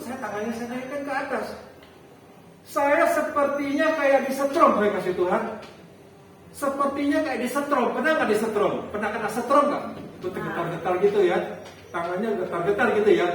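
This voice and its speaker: A man preaching a sermon as a pastor, telling a personal story in an animated way with frequent halting restarts. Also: extremely high pitch. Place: church hall. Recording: echoey hall, distant mic, faint noise.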